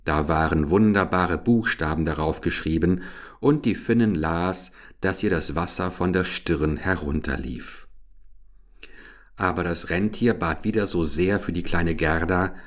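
A man narrating a fairy tale in a slow, deliberate storytelling manner. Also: sits low.

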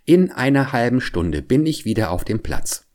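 A man's voice: medium pitch, sing-song, normal speed, darkish tone, voice pushed up, close to an everyday voice. A man voicing a small, scheming male hedgehog in a storybook reading, confident and bossy. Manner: cunning, confident, bossy toward his wife. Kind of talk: storybook character voice.

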